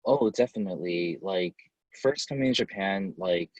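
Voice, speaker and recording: A man's voice: low voice, normal speed, no room sound, muffled recording. A man raised in the United States, a company head answering interview questions over a video call, chatty with fillers and restarts. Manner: conversational, many fillers and restarts. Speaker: company CEO, guest.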